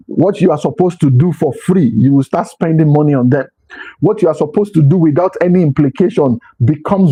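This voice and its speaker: A man's voice: on the high side, mellow, husky. A middle-aged man giving an earnest, preachy motivational talk, often repeating and restarting his phrases. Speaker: motivational speaker. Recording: dull lo-fi recording.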